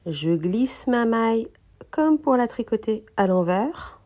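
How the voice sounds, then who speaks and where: Mellow-voiced woman with a slightly stuffy, nasal cold. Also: fairly high pitch. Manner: calm, hesitant explaining with many pauses. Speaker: knitting instructor. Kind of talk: knitting tutorial.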